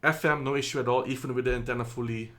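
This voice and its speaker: A man from the Netherlands races through a casual product review in a steady, mid-range, slightly bright voice. Chatty and hesitant, he fills gaps with ums and frequently corrects himself. The clip is recorded indoors on a phone camera.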